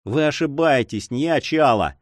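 A man's voice: mid-range voice, animated, normal speed, no room sound, pitched above the performer's own voice, natural voice. A man voicing an eager young nobleman in love who pleads impatiently.

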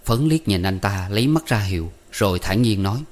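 A man narrating a story in a calm, even way. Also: lowish voice, fairly quick. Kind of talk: audiobook narration.

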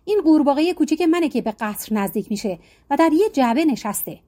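A young prince frets and complains, as a woman storyteller voices him. The voice stays high and mellow, with a plaintive, worried lilt. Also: animated. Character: young prince, troubled and ashamed.

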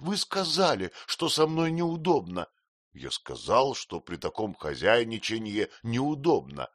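A man playing a gentle, earnest young husband who speaks patiently and tries to reason, in an audiobook reading. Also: mid-range voice, sing-song, a little slow, no echo, studio quality.

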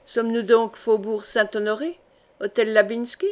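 A woman's voice: fairly high pitch, flat delivery, normal speed, close to an everyday voice. A woman reading aloud voices a proud young count who hurls haughty insults in a fury. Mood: indignant.

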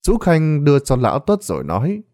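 A man's voice: on the high side, wildly swooping pitch, fairly quick, mellow. A man reading a ghost story aloud in a dramatic storytelling manner. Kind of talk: scripted narration.

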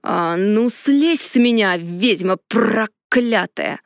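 A gruff, mocking male dragon from a storybook, played by a woman narrator. He drawls his words slowly and rolls a rumbling, growling R, sounding both irritated and smug. The voice is close and dry, with no room around it. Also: animated, dry recording. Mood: indignant. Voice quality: growling rolled R. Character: gruff sarcastic male dragon, huge and scaly.

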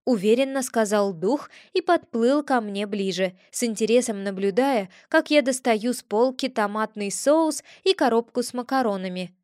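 Woman narrator, high voice, dry close recording, expressive audiobook reading. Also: moderate pace, hardly any pauses, no echo. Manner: lively, expressive storytelling. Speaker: audiobook reader. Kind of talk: scripted first-person narration.

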